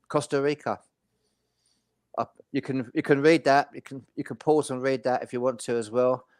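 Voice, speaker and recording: A man of medium pitch hosts a casual chat, presenting details and prompting others. The sound is very dry, with no room echo. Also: smooth. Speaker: host.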